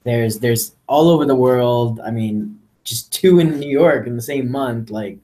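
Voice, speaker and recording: Man, mid pitch, hesitant, trailing sentences, casual podcast chat. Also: measured pace, dark tone. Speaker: podcast co-host.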